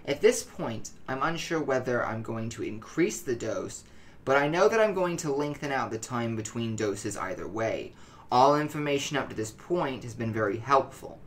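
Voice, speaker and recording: A narrator plays a male researcher in a dark tale, setting down experiment notes. The delivery is formal, measured and clinical. He sounds detached and secretive, at a middling pitch. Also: lively intonation, close to an everyday voice.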